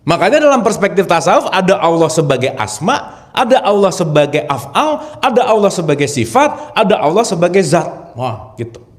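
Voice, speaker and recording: A man leads an informal spiritual lecture a high, bouncing voice. He keeps it chatty, quizzes his listeners and laughs easily, a light touch. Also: sing-song, normal speed. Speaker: spiritual teacher. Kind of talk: informal religious lecture to an audience.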